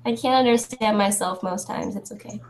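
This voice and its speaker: A woman's voice: mid-range voice, fairly quick. A teenage woman leading a casual book discussion on a video call, hesitant and full of fillers. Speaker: discussion leader. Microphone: laptop on a video call. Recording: noisy, glitchy video-call audio.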